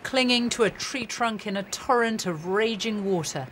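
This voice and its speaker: A woman's voice: medium pitch, moderate pace, fairly bright tone, slight background noise. A woman reporter narrating a scripted news report in a dramatic, descriptive way.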